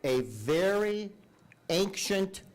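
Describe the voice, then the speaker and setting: A man with an American accent, a native English speaker, giving a lecture in a halting, playful way and checking in with his listeners. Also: high voice, expressive. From United States. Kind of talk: lecture with audience, switching between languages.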